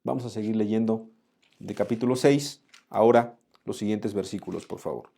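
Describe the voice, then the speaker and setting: A man's voice: on the low side, normal speed, vocal fry, dark tone. A man giving a Bible study, teaching earnestly and speaking straight to the listener. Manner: earnest, addresses listener directly.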